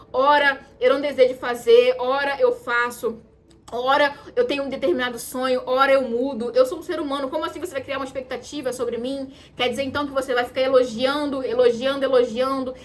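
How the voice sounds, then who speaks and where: High-voiced Brazilian woman, emphatic mentor. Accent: Brazilian Portuguese. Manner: emphatic, repeats key phrases, acts out quoted voices. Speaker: women's mentor. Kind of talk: motivational talk to camera.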